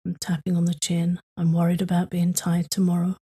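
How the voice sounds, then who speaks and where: A woman guides a sleep-focused tapping meditation in a low, mellow voice. Her tone is very breathy and airy, with flat, even delivery. She gives slow, soothing, repetitive prompts.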